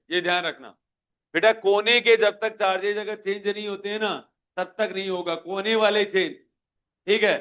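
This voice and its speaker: A man's voice: high-pitched, bright, forceful tone. A male physics teacher with a Hindi accent giving a live classroom lecture, questioning students and pushing them to answer aloud.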